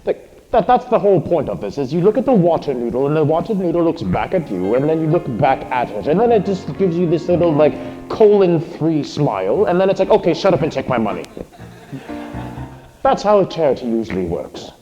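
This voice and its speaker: A man co-hosting a live convention panel, joking in a dry, deadpan sales-pitch manner. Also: fairly quick, muffled recording. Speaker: co-host. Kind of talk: live convention stage banter. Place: convention hall stage. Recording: reverberant hall with faint music.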